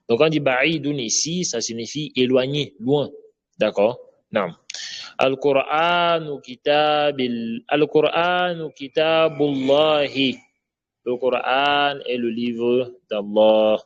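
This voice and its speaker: A man's voice: mid-range voice, lo-fi sound. A man teaching an Arabic grammar lesson in French, drilling vocabulary and often checking with "d'accord?". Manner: slow, drills Arabic words, repeats "d'accord?".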